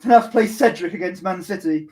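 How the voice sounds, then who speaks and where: A man's voice: high voice, quick pace, a little mellow. A man co-hosting a live football watchalong, reacting as a fan and urging players on. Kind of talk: live match commentary chat.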